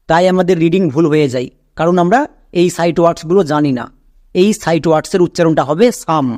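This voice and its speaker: High-voiced man teaching English reading. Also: dark tone, no room sound, clean studio sound. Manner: spells words letter by letter and asks rhetorical checks. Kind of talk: classroom-style lesson.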